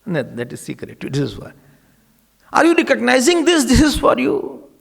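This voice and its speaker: Pitch swooping wildly, a very high-pitched, creaky male voice moves at normal speed through a spiritual discourse. The speaker has an Indian accent, is emphatic and repetitive, asks rhetorical questions, and weaves Hindi into his English.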